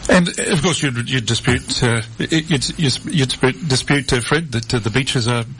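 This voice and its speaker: A man's voice: medium pitch, moderate pace, a bit bright, slight background noise. A man hosting a community radio health program from a studio, talking with many fillers and restarts. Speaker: radio host. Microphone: studio mic.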